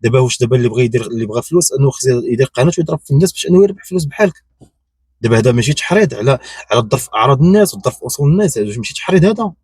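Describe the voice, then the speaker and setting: A Moroccan-accented YouTube commentator talks in a mid-range, husky, darkish voice, expressive and racing, recorded dry. His unscripted opinion piece is insistent and repetitive, packed with rhetorical questions.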